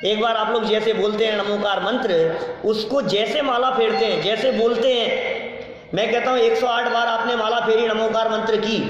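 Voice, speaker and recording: High-voiced man teaching in an echoey hall. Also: steady tone. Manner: keeps quizzing the listeners; chants verses slowly. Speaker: religious teacher. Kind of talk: lecture to a class. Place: large hall with an audience. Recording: echoey hall with long reverb, dull sound.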